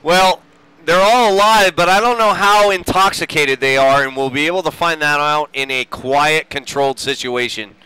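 A man's voice: on the high side, moderate pace, sharp tone, clean tone, no echo, rough recording. A man hosting a live-stream racing broadcast, calling the race and joking with his co-commentator in upbeat banter.

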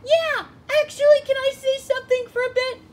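A man voicing Pikachu as a gushing, childlike little creature in a very high, squeaky voice. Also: flat delivery, a little fast. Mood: affectionate.

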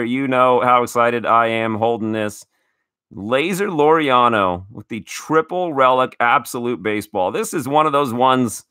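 A man's voice: mid-range voice, pushed and bright, clean tone, no echo, clean studio sound. A man hosting a casual card-opening show, enthusiastic and grateful, often restarting his sentences. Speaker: card collecting show host.

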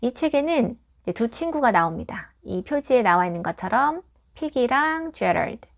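Slightly high-voiced woman teaching patiently. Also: big pitch swings, moderate pace. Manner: patient, clear teacherly explanations, modelling English sounds. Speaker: picture book reviewer. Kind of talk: explaining a children's picture book with pronunciation tips.

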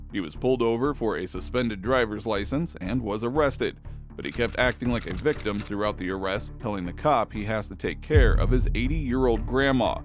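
A man giving scripted narration in a dramatic, judgmental tone. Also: mid-range voice.

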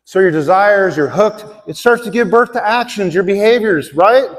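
A man's voice: sits high, expressive, moderate pace. A middle-aged man preaching a conversational sermon to a congregation in a large church auditorium, asking them direct questions. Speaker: pastor. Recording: long hall reverb.

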